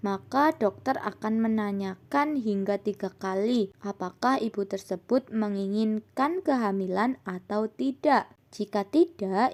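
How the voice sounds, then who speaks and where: A young woman, a university student, presenting a scripted lesson in a steady reading voice that rises on her points. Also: mid-range voice. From Indonesia. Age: young adult.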